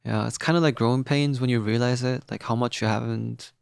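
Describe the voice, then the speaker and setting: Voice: medium pitch, steady tone, brisk, creaky, darkish tone, clear, resonant tone, no room sound, studio quality. A podcast co-host talking in an easygoing, agreeable way, often backing the other speaker with "yeah" and "mm". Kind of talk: casual chat.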